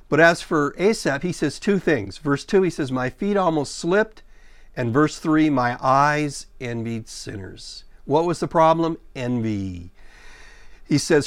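A middle-aged male pastor delivering an expository sermon at a medium pitch. He reads scripture in a slow, deliberate way and then explains it in a plain teaching tone. The recording is dry, with little room sound. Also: fairly bright tone, no echo. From born in Sudan, raised in Ethiopia and America.

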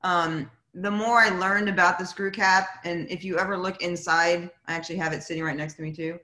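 A woman's voice: fairly low pitch, a little fast, roomy sound, rough recording. A woman winemaker telling stories in a casual chat, acting out the voices of the people she quotes. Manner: animated, acts out quoted voices. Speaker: winemaker guest. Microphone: video call.

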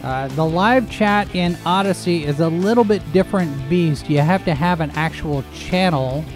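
Guy hosting a livestream, slightly high voice, casual news chat, keeps wandering off, faint music behind. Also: moderate pace. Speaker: host and editor of a live show.

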